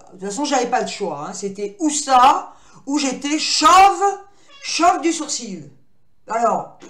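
A chatty woman talks straight to her viewers from her computer desk at home, rambling from one small topic to the next. Her voice sits a little high. It rings around a roomy, echoey space, and she keeps teasing herself as she goes. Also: a bit bright. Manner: rambling, talkative, self-mocking. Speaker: vlogger. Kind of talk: casual chatty vlog monologue.

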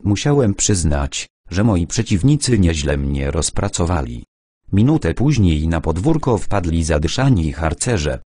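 A man narrating an adventure audiobook in the first person with steady storytelling. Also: low-pitched, unhurried, breathy edge, dry recording, studio quality.

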